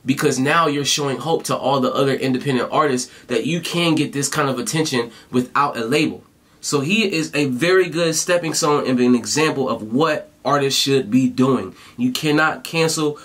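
Male reaction host, mid pitch, loose chatty commentary, gets tongue-tied when excited. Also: normal speed. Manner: excited, stumbling over his words. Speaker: music reaction video host.

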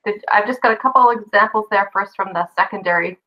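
A woman's voice: medium pitch, quick pace, lo-fi sound. A middle-aged woman presenting examples at a remote school board meeting over a video call, conversational with fillers and self-corrections. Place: indoor room on a video call.

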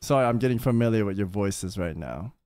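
Here a young man is streaming a game at home, talking close into a studio mic on a boom arm while he teases his group in relaxed voice chat. His voice is lowish and a little fast, and the recording is dry. The mood stays playful, animated and jumpy.

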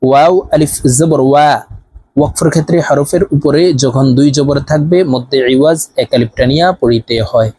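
A man teaching Quran reading, spelling words out letter by letter and reciting verses in a slow, drawn-out chant. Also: a little high, steady tone, warm tone, husky, dry recording. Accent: Bangladeshi Bengali.

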